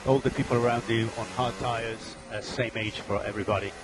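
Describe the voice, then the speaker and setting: A man's voice: medium pitch, steady tone, brisk. Male race spotter on noisy radio. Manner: terse instructions with repeated key words. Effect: team radio. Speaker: race engineer. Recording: noisy team radio with vehicle noise.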